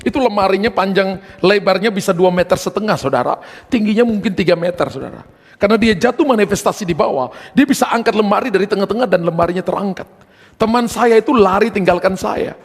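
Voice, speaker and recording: Male pastor, emphatic sermon storytelling, gravelly voice, high pitch, big echoing church hall. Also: fast talker. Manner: emphatic storytelling, addressing listeners as brothers. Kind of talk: sermon with personal testimony. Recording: long hall reverb.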